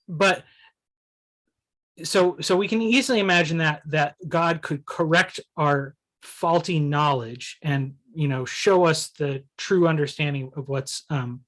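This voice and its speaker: A man's voice: fairly high pitch, takes it slowly, long pauses, a bit bright. A man in a casual philosophical conversation, thinking aloud with many restarts and "you know"s. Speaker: essay writer discussing his ideas.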